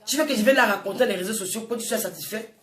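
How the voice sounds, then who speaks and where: Very fast and a bit bright at a medium pitch, a woman in her forties with a Francophone African accent delivers a heated, informal scolding to viewers of her social media channel, echoing phrases for effect. Sound is distant and roomy, with noticeable echo.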